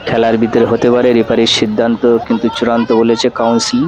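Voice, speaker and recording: A man's voice: medium pitch, completely flat delivery, fast talker. A man giving live football commentary, repeating phrases for emphasis. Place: outdoors at a local football ground. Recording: outdoor field with crowd noise. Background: spectator crowd.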